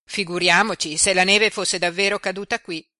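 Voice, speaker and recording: A woman reading aloud, voicing a lively, excited young woman in a storybook. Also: on the low side, moderate pace, no room sound, studio quality. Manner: exclaiming, playful.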